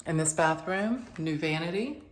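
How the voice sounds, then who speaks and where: A woman narrating an informal house walkthrough in a matter-of-fact way, listing items in short phrases with pauses. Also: low voice, lively intonation. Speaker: property renovation presenter. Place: inside a house, walking through rooms.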